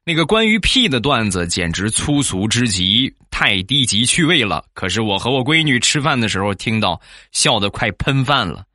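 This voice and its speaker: A man telling funny stories about married life, acting out the quoted people in sudden high bursts. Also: very animated, normal speed, hardly any pauses, bright, forceful tone, no echo, clean studio sound. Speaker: joke-telling host. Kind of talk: comic storytelling.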